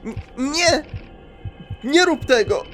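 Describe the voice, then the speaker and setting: A man's voice: extremely high pitch, lively intonation, very slow, bright, forceful tone, faint music behind, voice pushed up, exaggerated voice. A man voicing a terrified young woman from a game, who begs for help in panic. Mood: desperate. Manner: pleading, panicked. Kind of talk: dubbing a game's dialogue.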